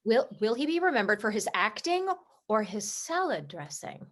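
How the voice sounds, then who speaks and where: A woman reads the part of a heartbroken, sharp-tongued young sports reporter in a comedy play over a video call, lurching into emotional, sarcastic outbursts. Her voice is a little high with big pitch swings at normal speed, and she sounds distracted.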